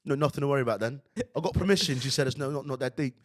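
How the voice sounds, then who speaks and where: New guy hosting a podcast, crude, loud, keeps cracking himself up. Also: medium pitch, rapid-fire. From Brooklyn, New York. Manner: loud, profane, laughing, mocking. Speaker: podcast host. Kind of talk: casual reaction commentary.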